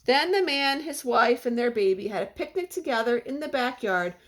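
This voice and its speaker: A woman with a slightly high voice reads a storybook to young children. Her delivery is deliberate and expressive, in the style of a teacher at story time, drawing out repeated phrases. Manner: deliberate, expressive, slows for refrains. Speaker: teacher reading a picture book aloud.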